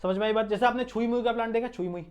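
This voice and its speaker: A man's voice: sits high, racing, darkish tone. Indian male tutor, casual lecture style, keeps quizzing the class and answering himself. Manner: quizzes students with repeated questions. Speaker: teacher.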